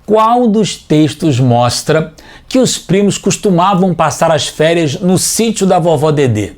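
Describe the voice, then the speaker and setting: Teacher guy, slow patient explaining, voice goes up and down a lot. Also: on the high side, lively intonation. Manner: clear, patient, explaining step by step. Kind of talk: scripted TV lesson for children.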